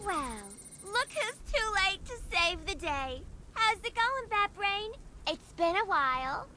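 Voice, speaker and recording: A woman's voice: extremely high pitch, very animated, takes it slowly, noisy background, full character voice. A woman playing a manic, bratty young supervillain gang boss in a video game, theatrical and taunting. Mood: mocking. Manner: taunting, theatrical, sing-song.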